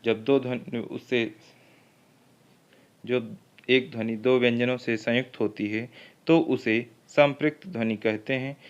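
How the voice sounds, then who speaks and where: A man's voice: mid-range voice, steady tone, measured pace, highs cut off. A man teaching a Hindi literature exam-prep lecture, reading each question twice before going through the options and explaining the answer.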